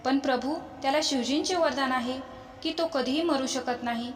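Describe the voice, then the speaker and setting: A woman's voice: high voice, normal speed, natural voice. A woman voicing a worried goddess pleading with her lord, in an echoey space with a long reverb. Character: worried goddess, the god's consort.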